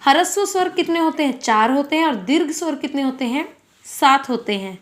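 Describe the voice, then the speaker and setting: A woman's voice: high-pitched, lively intonation, normal speed. A woman teaching a school grammar lesson, patiently asking questions and answering them herself. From India.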